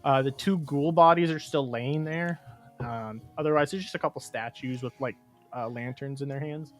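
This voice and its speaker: A man's voice: mid-range voice, normal speed, soft background music. A man narrating as game master of a tabletop game, loose and rambling, often laughing.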